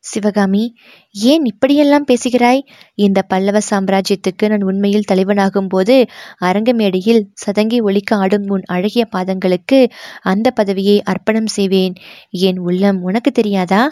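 A woman's voice: medium pitch, fairly even intonation, moderate pace, mellow, dry recording, studio quality, natural voice. A woman voicing a proud young prince. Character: young male prince, proud then hurt and angry. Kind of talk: audiobook narration of a historical novel.

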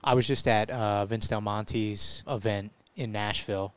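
A man's voice: lowish voice, fairly even intonation, a little slow, clear, resonant tone, no echo. A man in his thirties, a podcast guest in casual conversation, emphatic and repeating his points for weight. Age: 30s. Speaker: podcast guest, brand co-founder.

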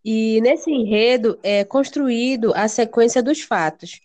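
A young woman student explains a topic in a measured, steady way. Her voice is fairly high. She is heard through a computer mic on an online call. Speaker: student presenter.

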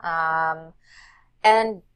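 A woman's voice: low-pitched, drawn-out words, clean tone. A woman, a guest on a food podcast, talking in an opinionated, teasing way. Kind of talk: casual chat.

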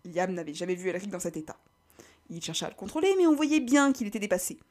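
A woman's voice: medium pitch, sing-song, fast talker, a little mellow. A woman reading a story aloud as narrator. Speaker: reader.

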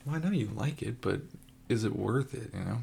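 A man's voice: on the low side, lively intonation, a little fast, creaky, darkish tone, slight background noise. A man co-hosting a casual home podcast, joking and laughing while he sneezes and coughs with a runny nose. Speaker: podcast co-host.

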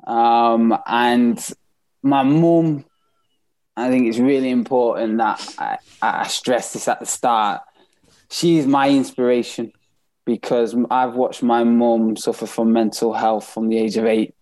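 A professional footballer from England, born in Bath before moving north and now speaking with a Manchester accent, candidly and reflectively tells his life story as an interview guest. His medium-pitched voice is steady, slow and a little mellow, though the audio is poor.

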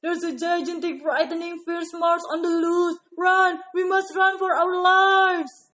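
A woman's voice: sits high, soft background music. A woman voicing a nervous, cautious elephant in a children's story. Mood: alarmed. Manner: anxious, hurried. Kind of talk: storybook character voice.

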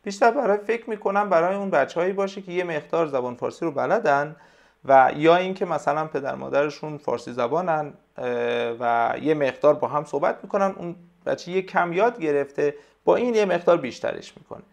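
A man, a language tutor, talking casually in an interview and explaining things hesitantly with many pauses and fillers. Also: a little high, gravelly. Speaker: language tutor, podcast guest.

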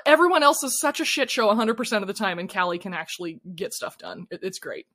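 Lively bright-voiced woman recapping a show. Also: mid-range voice, quick pace. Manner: animated, laughing, acts out characters' lines. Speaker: podcast co-host recapping a TV show. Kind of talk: casual chat.

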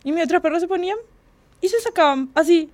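A young woman with a Paraguayan Spanish accent, teasing and telling animated stories in casual chat as a host. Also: very high-pitched, quick pace.

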